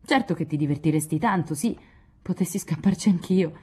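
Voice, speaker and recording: A woman's voice: fairly low pitch, a little fast, husky. A woman reading aloud, voicing a spirited young woman who coaxes and teases a friend. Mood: coaxing. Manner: coaxing, lively.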